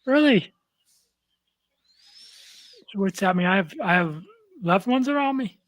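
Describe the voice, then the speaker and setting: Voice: medium pitch, expressive, measured pace, dry recording. A podcast host in casual chat, curious and asking lots of questions. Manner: curious, asks many questions.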